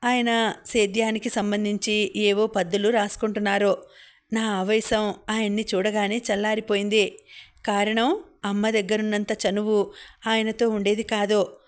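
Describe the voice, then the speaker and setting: A woman reads a novel aloud in the first person as an audiobook narrator. Her storytelling is steady and measured, and her pitch stays flat and even, in the middle of the range.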